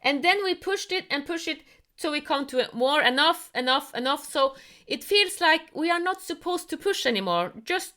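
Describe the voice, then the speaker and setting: A woman hosting a casual online conversation who speaks earnest, halting English full of spiritual talk. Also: high-pitched, expressive, bright, forceful tone. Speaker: host. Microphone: online call.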